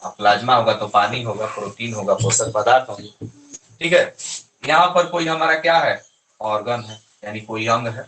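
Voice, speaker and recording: Bright-voiced man teaching in an echoey room. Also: mid-range voice. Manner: asks and answers his own questions. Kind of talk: classroom lecture.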